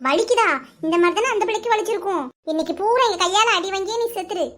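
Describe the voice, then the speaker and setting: A woman with a Kanyakumari Tamil accent voicing a fierce, protective village woman who scolds loudly. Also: extremely high pitch, fast talker. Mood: scolding. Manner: loud scolding, threatening.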